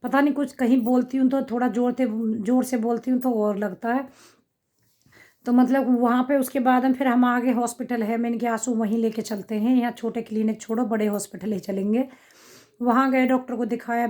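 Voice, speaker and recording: A woman's voice: on the high side, a little mellow. A middle-aged woman with a slight cough, chatting to her viewers in a rambling account of her family's day. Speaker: family vlogger. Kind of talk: casual vlog talk to camera.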